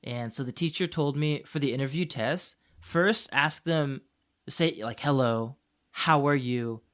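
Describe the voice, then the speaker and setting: A man co-hosting a casual podcast, an English teacher who tells classroom stories with lively acted-out dialogue. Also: mid-range voice, unhurried. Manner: animated storyteller, acts out dialogue.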